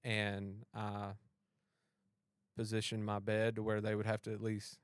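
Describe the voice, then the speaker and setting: A man's voice: fairly low pitch, measured pace, clear, resonant tone, no room sound, clean studio sound. A man, hosting a podcast and telling a personal story, acting out the voices of the people in it. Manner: animated retelling, acts out both sides of a dialogue. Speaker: podcast host and police officer. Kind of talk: storytelling in a casual conversation.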